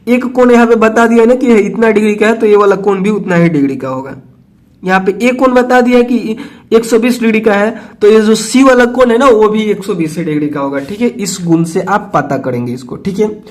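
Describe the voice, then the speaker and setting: A man's voice: high voice, fairly quick. A man talks through a school math lesson. He goes step by step, repeats key terms, and keeps asking the students whether they follow. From Bihar, India. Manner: repeats points patiently, tags lines with a checking "okay". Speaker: math teacher.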